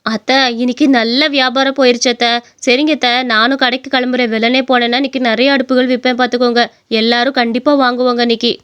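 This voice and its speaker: A woman voicing a hardworking elder daughter-in-law in a cartoon story, shrill and protesting. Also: flat delivery, fast, a bit bright, clear, resonant tone, natural voice. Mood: eager.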